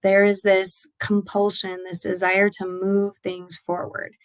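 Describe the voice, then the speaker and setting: A woman speaks with a raspy, worn voice while she recovers from laryngitis. She hosts a casual solo talk as a business coach, upbeat and chatty, with fillers and restarts. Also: medium pitch, completely flat delivery, slow pace.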